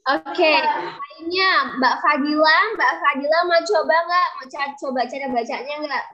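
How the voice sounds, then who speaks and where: Guru perempuan bersuara tinggi, santai. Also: female voice, high voice, a little slow, pushed and bright. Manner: chatty, calls herself kakak, coaxes students to answer. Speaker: English tutor. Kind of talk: online class teaching. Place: room growing dark, using a flashlight. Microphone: video call. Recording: dull lo-fi video call audio.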